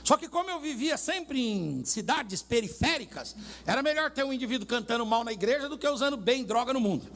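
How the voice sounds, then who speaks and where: A man preaching loudly in a church, telling stories with humor and dramatic swings. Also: very high voice, lively intonation, a little fast. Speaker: pastor. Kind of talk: sermon.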